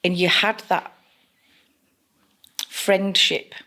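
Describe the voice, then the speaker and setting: A woman's voice: on the low side, fairly even intonation, extremely slow, sharp tone. A woman, a nurse team leader telling stories in a chatty, homely way in a podcast interview.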